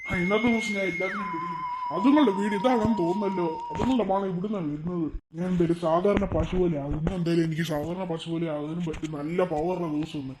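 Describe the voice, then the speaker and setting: A man's voice: high voice, steady tone, fast, noisy background, close to an everyday voice. A man voicing a boastful, threatening cartoon monster that can turn into a cow. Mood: gloating. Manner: gloating, threatening. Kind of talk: cartoon voice acting.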